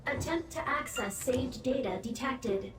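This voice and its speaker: Glitching machine system voice. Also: female voice, sits high, a little slow, background noise. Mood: malfunctioning. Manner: flat repeated error reports, clipped commands. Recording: echoey, distant, loud game music.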